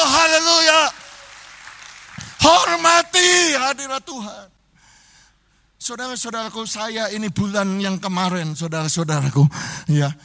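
A middle-aged man, a pastor, preaching a humorous sermon to a live church congregation, addressing them constantly and breaking into sung and shouted phrases. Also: high voice.

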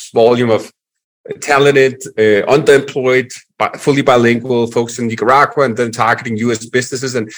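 A man in his forties from Denmark with a Danish accent, a guest telling his life story in a relaxed interview, with many pauses and restarts. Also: mid-range voice. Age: 40s. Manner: frequent fillers and restarts, reflective.

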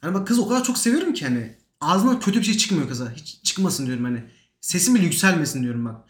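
Young man guest, tells his story fast with lively swings in pitch, roomy echo. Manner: animated, emotional retelling with quoted dialogue. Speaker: podcast guest. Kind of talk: casual storytelling. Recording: echoey room.

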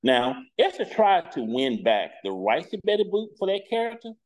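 Co-host, man, lively pitch, animated rambling storyteller. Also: moderate pace, poor audio. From Huntsville, Alabama. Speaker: regular co-host. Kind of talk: casual podcast chat.

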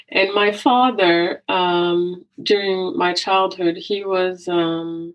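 With a lowish, fairly even voice and drawn-out words, a psychotherapist from Angola reflects during a conversational interview, often starting over and letting out soft laughs. The sound is lo-fi.

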